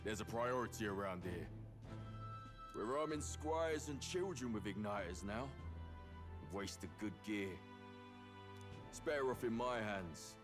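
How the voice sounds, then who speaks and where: An actor playing an arrogant, aggressive soldier in a video game with a sneering, pushy manner. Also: male voice, fairly low pitch, lively intonation, measured pace, long pauses, over music. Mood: bullying.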